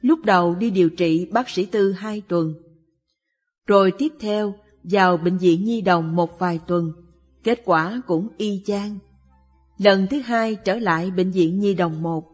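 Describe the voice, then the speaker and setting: A woman narrating a sad Buddhist life story in a slow, measured, mournful way. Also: mid-range voice, husky. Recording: long reverb with soft music behind.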